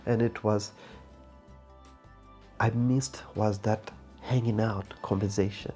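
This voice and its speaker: A man's voice: on the low side, steady tone, slow pace, mellow, faint music behind. A man from Zimbabwe, an artist and art teacher, speaking thoughtfully in a documentary interview and searching for his words.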